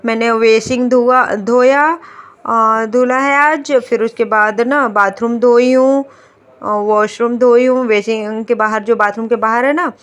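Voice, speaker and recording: A woman's voice: on the high side, fairly even intonation, unhurried, clear, resonant tone. A woman in her thirties narrating her home vlog in a chatty, homely way, talking to viewers as friends. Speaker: vlogger, homemaker. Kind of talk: casual voice-over home vlog.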